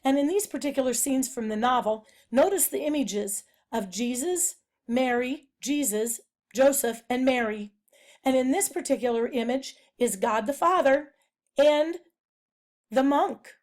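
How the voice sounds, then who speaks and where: A woman giving a narrated presentation analysing a novel, speaking in a measured, explanatory way. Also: high voice, a little mellow. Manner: measured, explanatory, reads quotes aloud.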